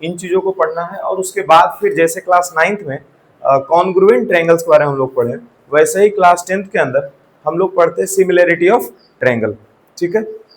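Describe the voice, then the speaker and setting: A man's voice: sits high, fairly quick, rough recording. A man teaching a maths lesson in a classroom, often quizzing his students and checking that they follow. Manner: asks the class questions and checks with repeated "theek hai". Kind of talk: classroom lecture.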